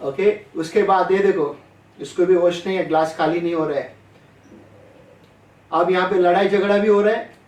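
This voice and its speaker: A man's voice: high voice, steady tone, moderate pace, pauses often, a little mellow, roomy sound, recorded from a distance, poor audio. A man preaching a sermon in a chatty way, often asking his listeners questions. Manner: conversational, asks the audience questions. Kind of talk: sermon over online call.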